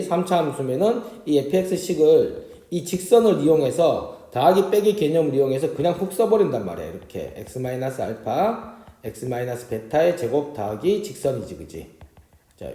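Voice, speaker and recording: A man teaching a math exam problem. He draws graphs on a board as he explains and keeps checking in with his students through quick tag questions. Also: on the high side, mellow, roomy sound. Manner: talks while drawing graphs on a board. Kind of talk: exam problem walkthrough lecture.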